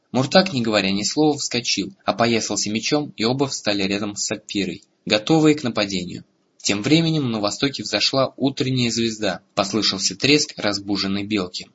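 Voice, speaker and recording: A man narrating a fantasy audiobook in a steady storytelling manner, in a lo-fi recording. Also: lowish voice, a little hiss or hum. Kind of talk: scripted narration.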